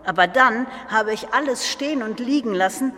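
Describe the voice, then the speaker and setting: A performer telling, in first person and in an earnest, calm storytelling manner, the story of a humble, grateful blind male beggar, as a biblical monologue. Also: medium pitch, normal speed, lightly acted. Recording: long hall reverb.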